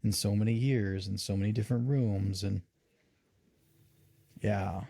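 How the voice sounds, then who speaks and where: A man's voice: lowish voice, steady tone, unhurried, creaky, warm tone, dry recording, clean studio sound. A man chatting earnestly on a podcast as a paranormal investigator, with many restarts. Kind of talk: casual podcast chat.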